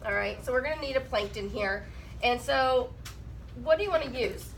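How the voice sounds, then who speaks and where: A woman's voice: on the high side, normal speed, vocal fry, slight background noise, rough recording. A woman teaching a math class while sick. She asks her students questions and jokes with them. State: sick, rough voice. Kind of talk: classroom lesson.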